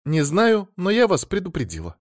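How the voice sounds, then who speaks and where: A man voicing an agitated woman phoning the police, talking fast and pleading, then furious. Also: high voice, wildly swooping pitch, no room sound, studio quality, voice pushed up. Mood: worried, rambling. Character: agitated middle-aged woman caller, shrill and indignant.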